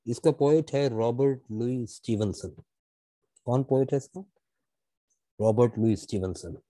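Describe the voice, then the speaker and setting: A man with a Pakistani accent teaching literature in an online class, mixing English into his explanations, asking questions and answering them himself, and reading verse slowly with a rhythmic stress. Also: medium pitch, dark tone, dry recording, studio quality. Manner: explains in Urdu mixed with English, asks and answers own questions.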